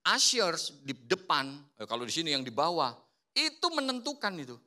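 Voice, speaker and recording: Lively bright-voiced preacher man. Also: on the high side, moderate pace. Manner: lively, playful storytelling with acted-out quotes. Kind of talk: sermon. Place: church service.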